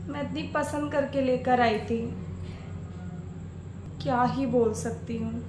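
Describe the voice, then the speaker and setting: Woman doing a shy new bride in a family skit, high soft voice, roomy echo. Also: steady tone, slow, background noise. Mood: resigned. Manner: soft, yielding, speaks respectfully. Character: young newlywed bride, meek and polite. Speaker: daughter-in-law.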